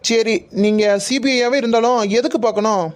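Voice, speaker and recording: A woman's voice: on the high side, fairly even intonation, a little fast, natural voice. A woman voicing a defensive mall manager who apologizes in a hurry. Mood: hurried.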